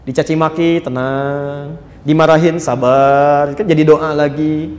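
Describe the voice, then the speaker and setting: A man preaching a sermon to a live audience, lively, addressing listeners as sir and madam and acting out quoted prayers and dialogues. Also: on the high side, a little slow. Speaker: Islamic preacher. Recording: echoey hall with faint ambience.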